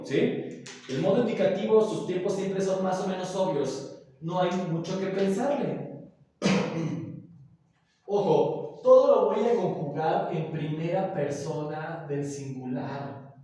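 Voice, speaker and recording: Teacher in an echoey classroom. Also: male voice, on the high side, warm tone. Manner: explanatory, often checks in with the class. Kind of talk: classroom grammar lesson. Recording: very echoey room, voice from far off.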